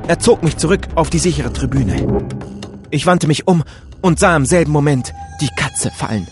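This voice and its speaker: A male narrator reads a tense first-person story with a lively, rising and falling delivery. His voice sits a little higher than most men's. Faint music plays under the reading. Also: moderate pace. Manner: animated, dramatic reading with many character voices. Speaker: audiobook reader.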